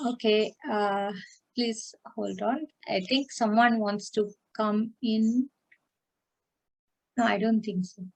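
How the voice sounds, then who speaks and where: A woman's voice: medium pitch, steady tone, slow, vocal fry. A woman teaching a beginner language class over a video call, patiently explaining and checking in with her students. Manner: patient, repeats and checks with "okay?". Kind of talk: online class instruction.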